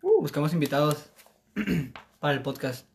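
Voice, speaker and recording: Telling stories as a podcast co-host, this young adult man laughs a lot and drops English into his casual chat. He sounds a little high and gravelly, swinging hugely in pitch at a moderate pace, with slight background noise.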